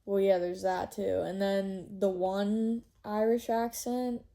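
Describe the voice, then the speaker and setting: A young woman co-hosting a podcast in casual chat, talking fast and loose with lots of fillers and frequent laughter. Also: mid-range voice, level tone, creaky, mellow. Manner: chatty, filler-heavy, laughs often. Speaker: podcast co-host.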